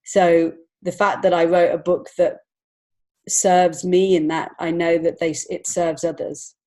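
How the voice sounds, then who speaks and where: Speaking fairly low and a little slowly, this woman has a darkish tone and a flat delivery. She's a children's author and illustrator guesting on a podcast, giving conversational answers that come across as earnest, thoughtful and encouraging.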